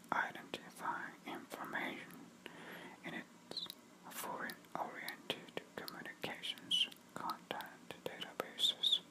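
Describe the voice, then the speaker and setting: Whispered ASMR reader for news copy: breathy, fully unvoiced, unhurried delivery. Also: rough recording.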